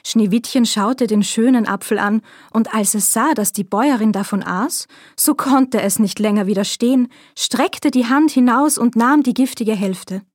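Woman reading a fairy tale, bit high voice, steady and expressive, super dry mic. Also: moderate pace, dry recording. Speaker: storyteller. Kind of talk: fairy tale read-aloud.

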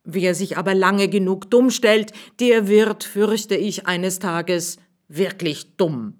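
A woman reading a storybook aloud, voicing a worried male schoolmaster who warns slowly and irritably. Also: medium pitch, voice pushed up, natural voice. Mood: warning.

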